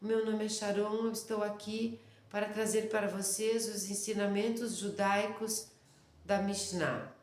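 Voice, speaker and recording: A woman from the Rio Grande do Sul interior putting on an overly calm, polite teacher's voice, soft and slow. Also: medium pitch, close to an everyday voice. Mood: prim. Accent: Rio Grande do Sul interior Brazilian Portuguese. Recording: roomy echo.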